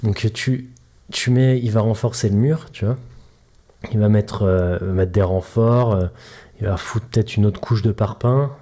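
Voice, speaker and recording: A man's voice: on the low side, a little slow, mellow. A man hosting a casual solo podcast as a mobility coach, chatty and joking, explaining things to the listener through homely analogies. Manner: chatty, jokey, addresses listener directly with analogies.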